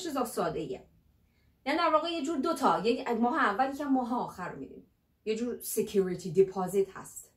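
A young woman teaching an English lesson in a playful, casual way, slowing down for English words. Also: fairly high pitch, echoey room. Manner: playful, switches between Persian and slow English.

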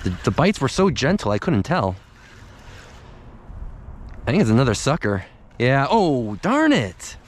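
Out on a snowy winter riverbank, a young man films himself fishing with a body-worn or handheld camera up close, chatting and thinking aloud about every catch. His mid-range voice swoops wildly in pitch, and he speaks a little slowly with long pauses over slight background noise.

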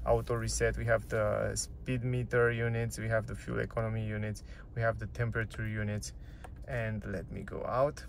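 In a parked car, a man reviewing the vehicle casually walks through its dashboard and touchscreen menus. He's chatty and repetitive, repeating phrases and using non-native grammar, in a lowish voice with slight background noise.

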